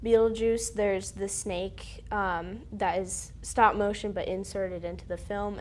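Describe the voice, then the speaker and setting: A woman's voice: mid-range voice, slight background noise. A teenage girl, a student filmmaker, chatting in an interview with many fillers. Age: teens. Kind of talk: casual interview.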